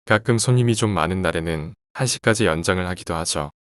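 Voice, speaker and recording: Guy reading scary stories, really deep voice, dry close mic, slow and subdued. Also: no echo. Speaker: horror story narrator. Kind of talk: horror radio storytelling.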